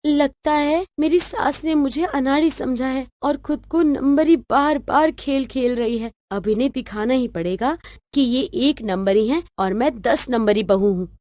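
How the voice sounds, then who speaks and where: A woman's voice: high voice, unhurried, dry recording. Woman doing a crafty fake-sweet young bride. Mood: plotting. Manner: sugary, theatrical whining. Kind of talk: animated storybook voice acting.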